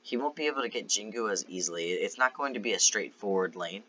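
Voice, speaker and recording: Esports caster, male. Sharp, bright tone, explanatory play-by-play, slightly muffled lo-fi sound. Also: on the low side, lively intonation, fast. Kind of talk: live esports match commentary.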